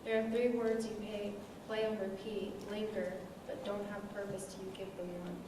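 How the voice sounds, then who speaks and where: A young woman reads poetry live with a nervous, hesitant delivery. She is distant from the microphone in a strongly reverberant room, with clear noise behind her. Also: mid-range voice, flat delivery, moderate pace. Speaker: open mic poet. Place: echoey indoor room, live reading.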